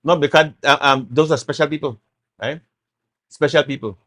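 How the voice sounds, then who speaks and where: A man's voice: fairly high pitch, moderate pace, fairly bright tone. Middle-aged Belizean man, talk show guest, hammers his points home and repeats them. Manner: emphatic, repeats points, acts out quotes. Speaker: guest, former party chairman.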